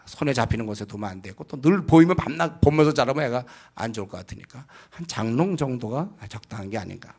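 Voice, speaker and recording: A man's voice: mid-range voice, lively intonation, fast, hardly any pauses, darkish tone, husky. A man preaching a lecture-style sermon on raising children, emphatic and full of rhetorical questions to the congregation. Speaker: pastor.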